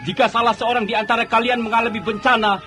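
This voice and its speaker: A defiant, mocking warrior in an old radio serial. The voice is very high and declamatory, with music clearly audible behind it. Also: male voice, little pitch movement, fast. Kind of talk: old Indonesian radio drama acting. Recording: loud music under radio drama.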